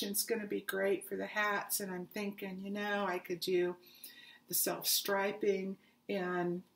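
A woman's voice: mid-range voice, a bit bright. A woman showing her yarn haul in a casual, chatty way, tired and with her voice fading, stumbling over her words now and then. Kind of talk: casual chat to camera.

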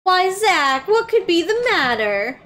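A woman's voice: very high-pitched, big pitch swings, takes it slowly, fairly bright tone, voice pushed up, full character voice. A woman voicing a sadistic, theatrical female villain in a horror game, mocking and grand. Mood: gleeful. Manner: grand, mocking, relishing cruelty. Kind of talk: reading game dialogue aloud on stream.

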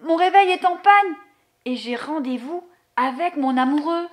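A woman voicing a clumsy, excitable hen in love, with high squealing exclamations. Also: a little slow. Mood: flustered.

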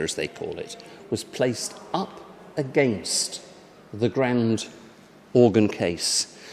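Lively-voiced older Englishman giving a tour. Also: on the low side, creaky, slight background noise. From England. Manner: warm, enthusiastic and descriptive, with lilting emphasis. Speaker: church organ guide. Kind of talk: guided tour talk. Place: large church interior with organ. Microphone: handheld microphone.

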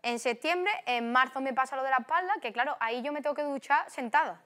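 Woman telling a lively story. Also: high-pitched, quick pace. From Spain. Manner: lively storytelling with acted-out quotes. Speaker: guest footballer. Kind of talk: casual chat.

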